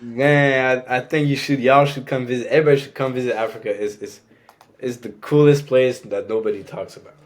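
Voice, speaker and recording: Fairly quick and steady in tone, this mid-range male voice belongs to a young Rwandan podcast guest who speaks a Rwandan language first and French too. He chats casually, repeating "you know what I'm saying," with a little hiss or hum in the background.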